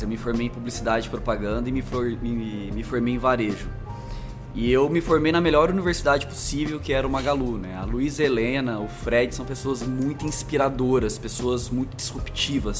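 Male executive guest, interior São Paulo accent, mid-pitched storyteller, faint music. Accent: interior São Paulo, rolled caipira R. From Brazil, Minas Gerais, raised in interior São Paulo. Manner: animated storyteller, long flowing anecdotes. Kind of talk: conversational storytelling.

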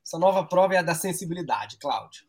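A man's voice: a little high, expressive, fast, over a noisy crowd. A man hosting a comedy chat show, telling jokes playfully and acting out voices. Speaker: comedy podcast host.

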